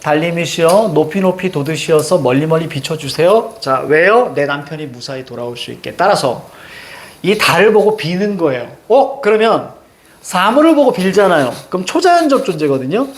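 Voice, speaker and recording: A male literature teacher giving a lecture to students, animated and joking, with sudden loud outbursts. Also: on the high side, moderate pace.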